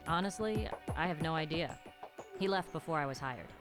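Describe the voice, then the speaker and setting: An actress voicing a brash marketing director at a game studio, salesy and dismissive, with game music behind. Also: female voice, low-pitched, lively intonation, brisk. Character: brash woman marketing director hyping a shooter.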